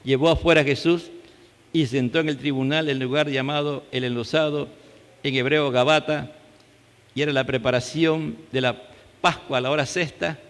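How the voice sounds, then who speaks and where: A male pastor with a Peruvian accent preaching a fervent sermon, swinging from loud emphatic peaks to low prayer. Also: steady tone, normal speed. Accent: Peruvian Spanish. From Peru. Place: church hall. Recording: church hall with long reverb.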